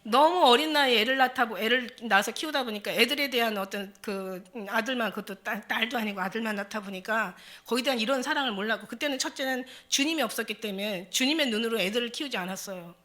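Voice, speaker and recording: Animated older woman pastor preaching. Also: on the high side, fast talker, few pauses. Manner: lively, conversational preaching with laughs and dialect jokes. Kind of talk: sermon. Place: church.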